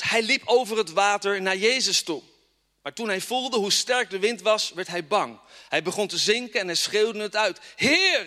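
Fervent male preacher, high bright voice, church hall reverb. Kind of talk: sermon with scripture reading.

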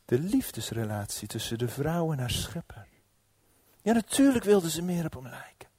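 A man preaching a sermon that retells a story dramatically, swinging between hushed and loud delivery. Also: a little high, sing-song, normal speed, breathy edge, no echo.

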